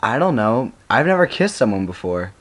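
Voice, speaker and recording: Third-grade boy, calm but bashful, lifted pitch; a man reads him. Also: moderate pace. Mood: shy. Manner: calm, hesitant.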